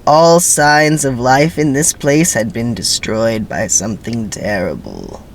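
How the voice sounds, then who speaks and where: A man putting on the voice of an elderly, solemn narrator for a dramatic script reading, speaking slowly and ominously. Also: medium pitch, expressive, vocal fry, slight background noise, rough recording. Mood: grave.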